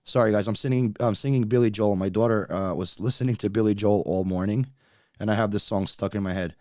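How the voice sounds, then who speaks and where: A Russian-born man in his late thirties, whose first language is Russian and who has a slight accent, hosts a YouTube livestream and chats directly with viewers while sorting out technical problems. His voice is on the low side and mellow, he talks a little fast, and there's no echo.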